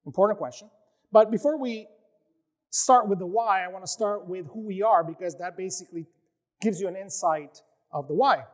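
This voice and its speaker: A man's voice: sits high, moderate pace. A man, a company CEO from the United States, giving an upbeat tech conference presentation with frequent filler words. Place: conference session room.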